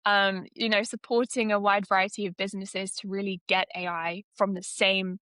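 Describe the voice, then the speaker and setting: A woman's voice: mid-range voice, level tone, normal speed, bright, forceful tone, no echo. A woman in her twenties from the UK, an AI consultant answering podcast interview questions with frequent laughter. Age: 20s. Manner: enthusiastic, laughs often. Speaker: guest, AI consultant.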